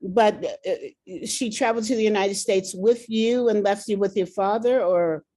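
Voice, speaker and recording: A woman hosting a podcast interview, brisk and emphatic as she asks her guest questions. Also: medium pitch, fairly even intonation, mellow. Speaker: podcast host and leadership coach.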